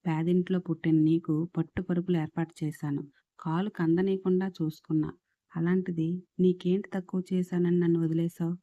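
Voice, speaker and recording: A woman's voice: lowish voice, little pitch movement, brisk, mellow, dry recording, lo-fi sound, natural voice. A woman voicing a cruel male gangster boss who gloats and taunts in a storybook reading. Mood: gloating.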